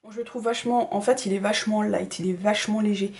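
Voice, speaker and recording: Beauty vlogger lady, casual makeup tutorial chat, jokes at herself, goes all hushed sometimes. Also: medium pitch, fairly even intonation, fast. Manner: chatty, self-deprecating, trails off into soft asides.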